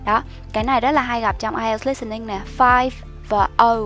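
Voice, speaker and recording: A young woman explaining study tips as a teacher, in a chatty, explanatory way with soft fillers. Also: on the high side, fairly even intonation, moderate pace. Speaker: IELTS teacher. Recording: soft music behind the voice.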